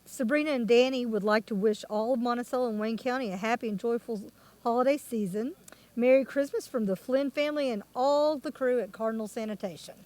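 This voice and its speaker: Female co-announcer with a slightly high voice and a brisk, plain read. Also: a little mellow, low-quality recording. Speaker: parade broadcast co-announcer. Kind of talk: reading sponsor greetings.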